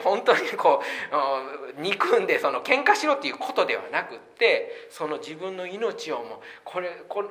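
Here a pastor preaches to his congregation, driving his points home with emphasis and asking rhetorical questions. His voice is a man's, bright and forceful, sitting a little on the high side.

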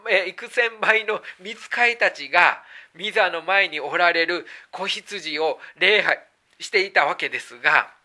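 A pastor delivers a sermon in a bright, clear voice. The pace slows when scripture is read aloud and picks up to an earnest explaining tone, with drawn-out fillers and rhetorical questions to the listeners. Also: medium pitch. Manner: reads scripture aloud slowly and deliberately.

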